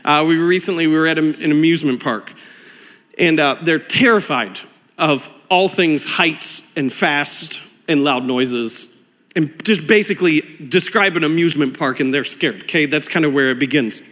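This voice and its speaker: A man in his thirties preaching a sermon, impassioned and animated, mixing humorous stories with urgent exhortation. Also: on the high side, normal speed. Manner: impassioned, building to fervent exhortation. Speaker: pastor. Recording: long reverb with faint music.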